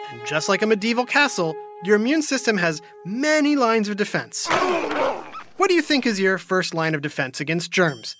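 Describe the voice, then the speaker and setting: A woman narrates a children's science podcast in a playful, theatrical way. Her mid-range voice is highly animated, with music clearly underneath. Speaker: host and narrator. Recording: music behind.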